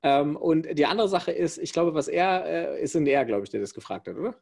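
A man in sales talking in a casual chat, emphatic and quick, often restarting his sentences. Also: a little high, very animated, gravelly, darkish tone, slightly rough. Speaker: salesperson, podcast co-host.

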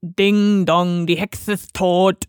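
A woman voicing a clumsy, helpful male wolf in a storybook reading with a low, gruff delivery. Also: takes it slowly, dry recording, studio quality.

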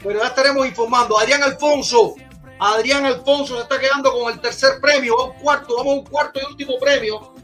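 A male podcast host with an unusually high, bright voice. He talks in an excitable, casual way, exclaims a lot and says the same phrase two or three times in a row. Faint music plays behind him. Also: brisk. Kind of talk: casual live-stream chat.

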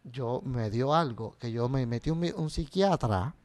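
Middle-aged man, interview guest, lively bilingual storytelling, frequent swearing, dry sound. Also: medium pitch, measured pace, no echo. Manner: switches between Spanish and English, swears freely, animated storytelling. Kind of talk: casual interview chat.

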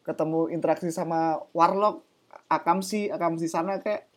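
A man's voice: a little high, fairly even intonation, normal speed, over a noisy crowd. A young man from Java in a casual chat, speaking thick with slang and casual swearing. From Java, Indonesia.

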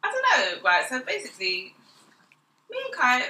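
A middle-aged woman chats hesitantly and laughs as she tells stories. Her voice sounds very bright and carries a roomy echo. She sits a little away from the mic. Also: high voice, normal speed. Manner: hesitant, laughs, animated retelling. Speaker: guest, host's mother. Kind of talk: casual chat. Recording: echoey, a bit far from the mic.

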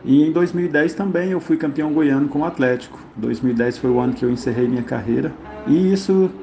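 Middle-aged Brazilian male ex-athlete interviewee, dark gravelly voice, halting delivery, muffled sound. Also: on the high side. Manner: halting, repeats phrases. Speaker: retired footballer. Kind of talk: interview reminiscence. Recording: muffled, faint background noise.

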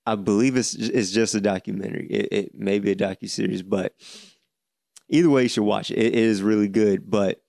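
A man in his late twenties hosting a solo podcast, speaking earnestly with many halting restarts. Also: lowish voice, steady tone, gravelly, a little mellow, dry recording, clean studio sound. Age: 20s. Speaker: podcast host.

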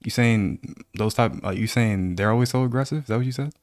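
A man telling a story in casual chat, animated and slangy, given to mock-accusatory teasing. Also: fairly low pitch, fairly quick, dry recording, studio quality.

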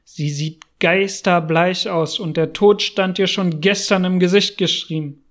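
A man's voice: high voice, steady tone, a little slow, fairly bright tone. A man voicing a frightened older male settler in an audiobook, speaking urgently and anxiously.

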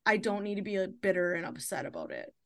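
A woman's voice: medium pitch, wildly swooping pitch, quick pace, a bit bright. A woman in her thirties hosting a podcast, chatting casually and laughing often, with lots of fillers. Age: 30s. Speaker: podcast host.

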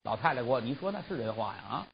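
A man's voice: mid-range voice, sing-song, racing, gravelly, dull audio, a little hiss or hum, pitched below the performer's own voice. A man doing an exasperated scolding father. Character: irritated father scolding his teenage son.

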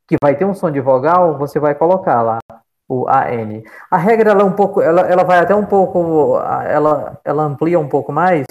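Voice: mid-range voice, darkish tone, rough recording. Patient Brazilian English teacher. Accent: Brazilian Portuguese. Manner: patient, repeats examples slowly. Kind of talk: online class explanation. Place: online video call.

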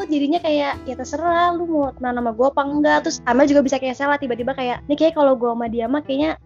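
A woman's voice: high voice, darkish tone, muffled recording. A young woman co-hosting a casual podcast chat, talkative and self-mocking, laughing often. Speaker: podcast co-host.

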